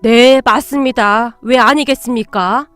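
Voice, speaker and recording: A woman voicing an older man, the calm and polite father of a daughter-in-law, speaking slowly and formally. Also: on the high side, clean tone, no room sound, soft background music. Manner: slow, formal and courteous.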